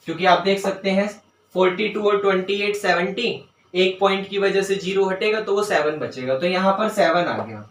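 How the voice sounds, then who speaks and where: A man teaching a maths lesson step by step, often checking whether students follow and slowly dictating terms as he writes. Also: high voice, fairly bright tone, recorded from a distance. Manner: dictates English terms slowly while writing. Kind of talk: board-work maths lesson. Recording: roomy sound, voice away from mic.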